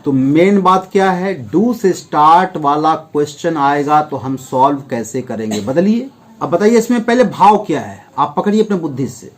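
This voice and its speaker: A man's voice: on the high side, animated, normal speed. A man with an Indian accent teaching an English grammar lesson, explaining step by step, asking the class questions and acting out small example dialogues. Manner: acts out little example dialogues.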